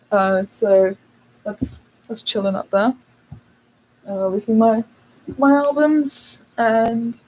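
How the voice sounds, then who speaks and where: A woman's voice: fairly high pitch, darkish tone, a little hiss or hum, low-quality recording. British woman chatting on a livestream. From United Kingdom. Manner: chatty, reads out and answers viewer questions with fillers. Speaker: channel host. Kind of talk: casual livestream chat.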